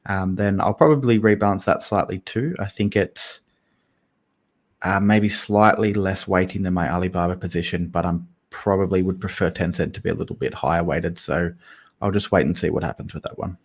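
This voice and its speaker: A man with a low, deep voice co-hosts a casual investing podcast. He talks things through slowly and carefully, softening his points with small hedges. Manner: thoughtful, hedging with "I guess" and "kind of". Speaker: podcast co-host.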